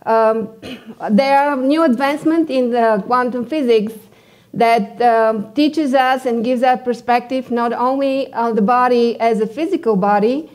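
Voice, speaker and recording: A woman from Bulgaria, a dentist giving a conference presentation, hesitant with many fillers and losing her voice as she keeps clearing her throat. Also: a little high, measured pace, a little mellow.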